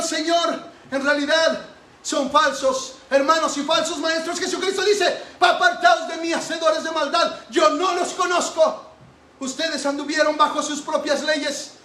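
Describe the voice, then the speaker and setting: A man's voice: very high voice, bright, forceful tone. A man preaching an emphatic sermon as pastor, repeatedly addressing the congregation as brothers. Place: church sanctuary. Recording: echoey church hall from far off, faint noise.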